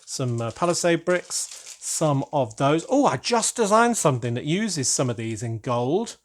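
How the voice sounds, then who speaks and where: Excitable British man unboxing. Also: a little high, a little slow. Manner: gushing, warmly excitable, rambling asides. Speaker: LEGO channel host. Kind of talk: casual unboxing chat.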